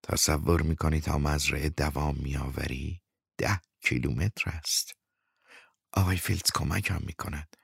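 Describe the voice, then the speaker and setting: A man's voice: very deep voice, steady tone, vocal fry, slightly rough, no echo, studio quality, heavily acted. A man playing a sneering, bossy man. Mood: scornful. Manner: sneering, sarcastic. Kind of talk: audiobook reading.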